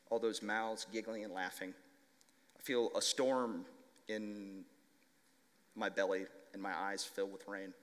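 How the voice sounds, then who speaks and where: Low-voiced young man reading with a stutter. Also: a bit bright. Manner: stutters, slow deliberate reading. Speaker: storyteller. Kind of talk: reading a children's story aloud. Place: conference hall. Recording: long reverb of a large hall.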